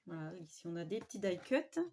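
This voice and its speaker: Soft-spoken woman showing craft papers. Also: on the low side, lively intonation, brisk, gravelly. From France. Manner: soft-spoken, admiring, with frequent fillers. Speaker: scrapbooking vlogger. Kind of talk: casual show-and-tell haul.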